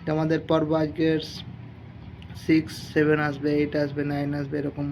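A man teaching English pronunciation, spelling out letters and then saying each word in a slow, repetitive drill. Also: a little high, monotone, darkish tone. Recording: dull lo-fi sound with faint noise.

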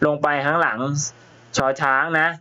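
A man's voice: a little high, level tone, unhurried, pushed and bright, clear, resonant tone. A male primary school teacher leading a reading lesson, reading word by word and spelling syllables letter by letter. He often ends with polite particles and asks pupils to read after him.

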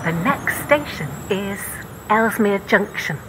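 Woman doing onboard train announcements, lively pitch, polite formal delivery, noisy capture. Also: a little slow.

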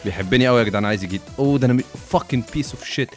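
A man with an Egyptian Arabic accent talks through a game in quick, excitable bursts, swearing and throwing in English phrases. His pitch sits in a middle register, and faint game music plays behind him. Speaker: gamer. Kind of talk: gaming commentary.

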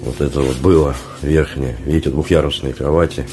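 A sick vlogger with a sore throat talks casually to his viewers in an extremely low, flat, worn-out voice, breaking into halting phrases. He's in a small indoor dormitory room, recording on a phone held at arm's length, with music playing underneath.

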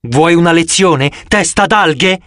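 A man voicing an angry, hot-tempered teenage girl in an audiobook, shouting and defiant. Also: a little high, slow, no echo, studio quality. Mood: taunting. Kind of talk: audiobook character voice.

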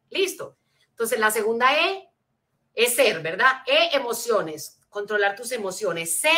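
A woman giving a motivational seminar talk, teaching her points like a lesson and checking in with listeners with rhetorical questions. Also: on the high side. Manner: energetic teacher, frequent rhetorical check-ins; spells out acronyms, asks listeners to take notes. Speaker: motivational speaker.

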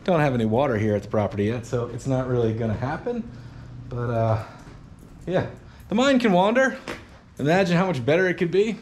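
A man in his forties talks to a handheld camera as he digs through an old workshop, wandering off mid-thought and trailing into "I don't know." His voice sits at an ordinary middle pitch. A faint hum of the shop carries behind him. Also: big pitch swings, brisk, long pauses, a little mellow. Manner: rambling, musing, lots of fillers and trailing thoughts. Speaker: garage channel host. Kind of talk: casual vlog commentary while cleaning. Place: large cluttered old garage workshop, indoors. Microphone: action camera held at arm's length.

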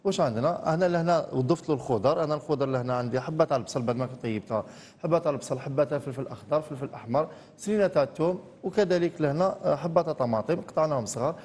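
A man's voice: on the high side, a little mellow, long reverb tail. A man with an Algerian accent, a TV chef talking through a recipe step by step in a studio kitchen. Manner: rapid, explaining steps. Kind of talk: cooking demonstration.

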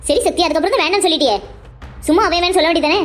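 A woman's voice: extremely high pitch, very fast, faint music behind. A woman voicing a young woman in a cartoon who teases and confronts her friend with probing questions. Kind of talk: cartoon voice acting.

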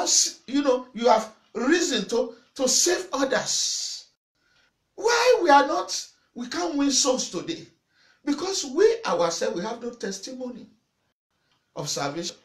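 The pastor, a middle-aged man, sounds very high-pitched and very animated yet keeps a measured pace as he preaches his sermon to camera. He repeats phrases forcefully, bursts into loud shouts, and waves his arms, all in a small indoor church room with a banner behind him and an echo in the air.

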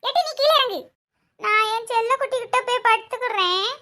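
A woman's voice: very high-pitched, fairly quick, sharp tone. A woman voicing a tired elder sister in a cartoon, exasperated and coaxing, with a Kanyakumari Tamil accent. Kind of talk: cartoon voice acting.

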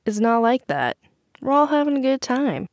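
A laid-back teenage boy who brushes every worry aside, as a woman narrator plays him. The voice stays close to her own, somewhat high, with a gravelly edge. It is a storybook reading, recorded close and dry. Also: big pitch swings, normal speed, no echo. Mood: dismissive. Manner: dismissive, easygoing.

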